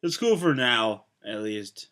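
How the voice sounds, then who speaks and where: A man's voice: mid-range voice, expressive, fairly bright tone. Hedging young man in casual sports chat. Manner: halting, hedging, laughs often. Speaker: sports talk show co-host.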